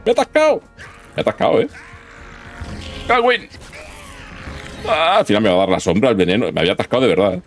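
A man with a low, gravelly voice narrates his own gameplay in a loose, chatty way, muttering to himself and breaking into sudden yelps. His pitch swings widely as he reacts to the game. Game music plays faintly behind him. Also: sing-song, very fast, few pauses. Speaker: gaming YouTuber. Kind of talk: casual gameplay commentary.

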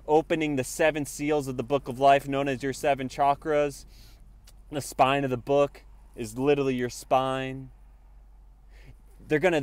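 Sitting in a parked car, a young man records a preachy spiritual vlog into his phone held at arm's length, speaking emphatically through an earphone mic and frequently saying "y'all." His medium-pitched voice is clear and resonant, free of echo.

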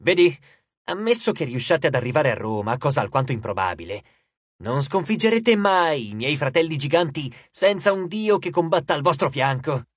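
A man's voice: big pitch swings, normal speed, slightly rough, no echo. A man voicing a mocking, grotesque male sea god who taunts his captives in an audiobook. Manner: taunting, theatrical, booming.

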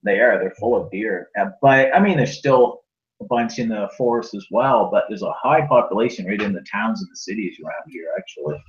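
A man's voice: on the low side, fairly quick. Easygoing man on an echoey, muffled webcam. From rural New Brunswick, Canada. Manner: easygoing, plain-spoken, with light laughs. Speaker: guest. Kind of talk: casual interview chat. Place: room at home. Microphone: webcam on a video call.

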